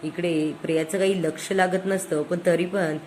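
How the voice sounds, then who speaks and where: A woman's voice: lowish voice, fairly even intonation, moderate pace, a little mellow, a little hiss or hum, low-quality recording. A woman recapping a TV serial episode in a casual storytelling way, quoting each line of dialogue.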